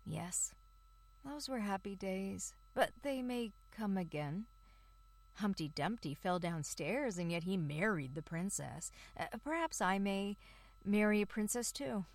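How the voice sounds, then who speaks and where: A woman voicing a proud young fir tree in a storybook reading, musing softly on his loneliness and hopes. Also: mid-range voice, lively intonation, unhurried. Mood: wistful. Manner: soft, musing inner thoughts.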